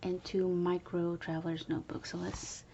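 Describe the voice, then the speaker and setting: Woman, soft whisper, chatty, lowish voice, muffled noisy recording. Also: flat delivery, moderate pace. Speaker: crafter showing handmade planners. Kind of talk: whispered early-morning craft video. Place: home, early morning.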